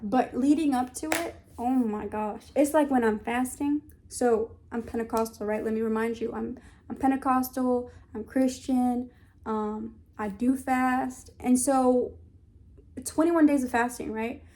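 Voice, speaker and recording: A woman's voice: on the high side, steady tone, a little slow, mellow. A young woman vlogging in a casual, rambling way, often stopping to search for words and restarting her sentences. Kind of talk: casual talk to camera.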